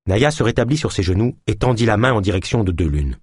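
A man narrates an audiobook in a low, husky voice. His delivery rises and falls with lively intonation. The recording is close and dry. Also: quick pace, no echo. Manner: expressive storytelling. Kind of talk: scripted narration.

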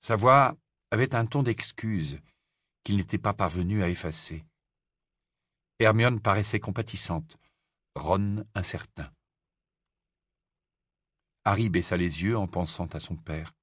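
A man narrating an audiobook with a measured, dramatic storytelling delivery. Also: deep voice, a bit bright, no room sound, studio quality. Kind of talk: scripted narration.

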